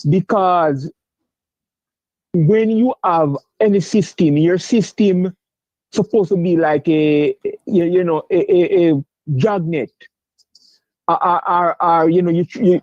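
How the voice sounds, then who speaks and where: High-voiced, stammering Jamaican-born male caller. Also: darkish tone, no room sound, lo-fi sound. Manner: halting, many stammered restarts and fillers; insistent, repeats himself. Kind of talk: call-in sports debate.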